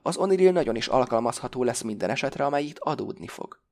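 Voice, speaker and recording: A man's voice: mid-range voice, expressive, a little mellow, close to an everyday voice. A man voicing a frail, stiffly composed man who speaks weakly and carefully, with dry mockery and German-tinged sounds. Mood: mocking. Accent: German-tinged pronunciation of French sounds. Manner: weak, carefully formed words, dry mockery.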